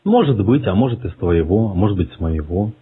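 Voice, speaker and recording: Prank caller, male, husky, on a thin phone line, mocking and provocative. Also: on the low side, expressive, a little fast.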